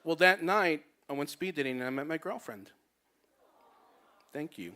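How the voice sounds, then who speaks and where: A young man telling a personal story on stage, animated and acting out the people he quotes. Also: normal speed. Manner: animated, acts out quotes with big pitch jumps.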